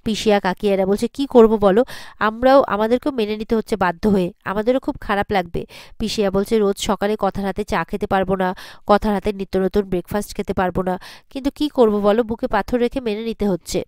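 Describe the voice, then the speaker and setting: A woman's voice: mid-range voice, steady tone, fast talker, darkish tone, clear, resonant tone, no room sound, clean studio sound. A woman casually recapping a TV serial episode, retelling scenes and reading out the characters' lines with filler sounds.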